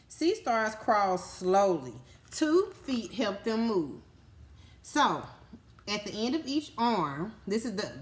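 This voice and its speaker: Reading a picture book to young children, a woman teacher keeps her explanations simple and instructive, frequently pausing to ask check-in questions in child-directed language. Her voice is mid-range and a bit bright.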